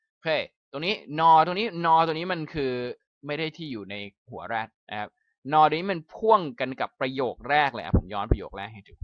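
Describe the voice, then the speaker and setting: A man with a Thai accent, a native Thai speaker, reads a passage aloud slowly and carefully, then explains it in a quick, chatty way as an English teacher. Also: medium pitch, dry recording. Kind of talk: reading aloud and explaining in a lesson. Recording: slightly dull, dry recording.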